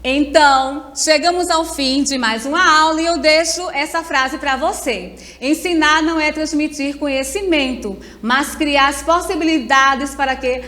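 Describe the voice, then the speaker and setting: A Brazilian woman teacher speaks in a high, clear register at an unhurried pace. She explains patiently and sounds words out syllable by syllable. The recording carries a long reverb tail. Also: bright, forceful tone. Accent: Brazilian Portuguese. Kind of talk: remote class lesson.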